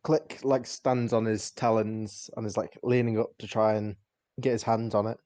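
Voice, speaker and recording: A man's voice: on the low side, little pitch movement, normal speed, dark tone, dry recording. A man playing a tabletop game, chatting casually and describing what his character does.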